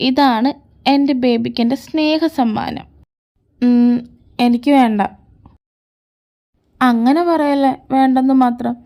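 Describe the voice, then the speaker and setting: A woman's voice: high voice, dull audio. A woman voicing all the characters in a fan fiction audio drama, moving between arguing, teasing and pleading voices. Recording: faint background music.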